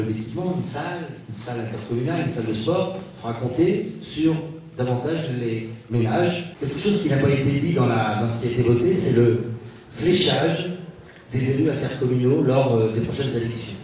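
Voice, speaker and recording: A man who is a local elected official gives a political speech at a public meeting, posing rhetorical questions and pausing hesitantly. His voice is mid-range with a darkish tone, picked up by a distant mic in a large, echoey meeting room with faint noise.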